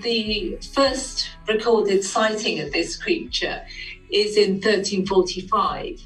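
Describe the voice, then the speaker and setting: A woman's voice: mid-range voice, takes it slowly, distant mic, poor audio. A woman explaining history in an interview, recorded some way from the mic with music underneath.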